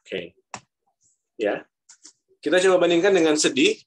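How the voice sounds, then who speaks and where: A man's voice: fairly high pitch, big pitch swings, unhurried. Man, Indonesian accent, lecturer, pronunciation lesson, repeats words to model them. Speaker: university lecturer.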